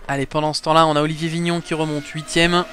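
A man works as a motorsport commentator, calling a sim race live in a slightly high voice. He explains things for viewers as he goes, with race car engines clearly audible behind him. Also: flat delivery, fast. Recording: clear background engine noise.

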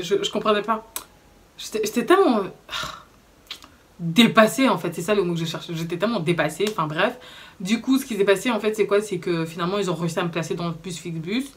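A young woman with a Belgian French accent, telling a story to camera in casual vlog chat, animated and indignant, with slangy fillers. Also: medium pitch, slight background noise. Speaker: vlogger.

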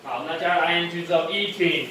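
Man, English teacher, repeats every sound twice, scolds inattention, slightly high voice, booming echoey room. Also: fast talker, sharp tone. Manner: repetitive, drills each sound twice, scolds lapses in attention. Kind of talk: one-on-one phonics drill. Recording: very echoey room, voice far from mic, faint noise.

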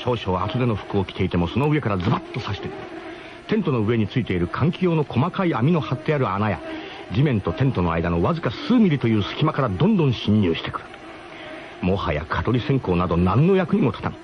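A man with a lowish voice and wide pitch swings narrates a radio drama at a quick clip, telling a comic first-person story in an emphatic, mock-grandiose style. The broadcast sounds muffled, with clear background noise.

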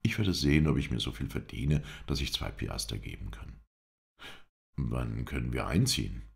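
A man voicing a calm, firm male traveller who questions people in a curt, businesslike way. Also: a bass voice, moderate pace, creaky, exaggerated voice.

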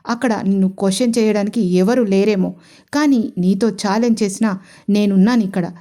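A stern middle-aged mother-in-law scolds in a sharp, accusing tone, as a woman narrator puts her on. The voice stays mellow and dark underneath. It comes from a spoken audio storybook. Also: medium pitch, lightly acted.

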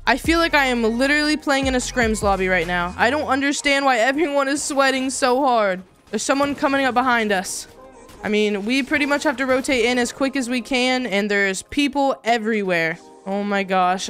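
A woman giving excited gameplay commentary in a hyped, slangy gamer-bro manner. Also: high voice, a little fast, soft background music. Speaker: gamer, video host.

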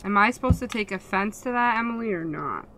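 A young woman in her twenties streams a game and chats with her squad, her voice bright and forward. She swears freely and dramatizes every setback, with a faint hiss of noise under the mic. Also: mid-range voice, expressive, brisk. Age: 20s. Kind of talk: casual gaming chat.

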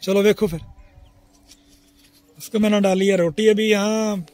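A man's voice: high-pitched, steady tone, unhurried, a little mellow. A middle-aged man with a Punjabi accent, chatting casually as he films a walk around his outdoor dairy farm on a phone held at arm's length, calling out to animals and children and adding a polite "ji" to his lines. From Pakistan. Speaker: farm vlogger.

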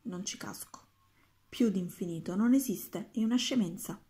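A woman's voice: medium pitch, normal speed, mellow, lightly acted. A woman voicing a curious, doubtful schoolboy in a storybook, who protests and questions.

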